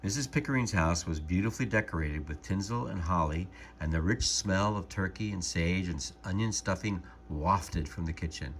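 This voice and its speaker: A man calmly and gently reading a storybook aloud as narrator. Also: low voice, slight background noise. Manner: calm, gentle, measured narration.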